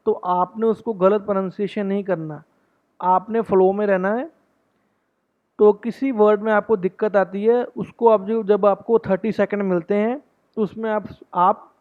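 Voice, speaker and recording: A man teaches test tips in a fairly high voice. He reads each point slowly, then talks it through in a relaxed way. The sound is thin and tinny, as if over a phone line. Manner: reads English points slowly, then explains them in casual Hindi. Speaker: English test tutor. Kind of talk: explaining exam tips, reading slowly then explaining in Hindi.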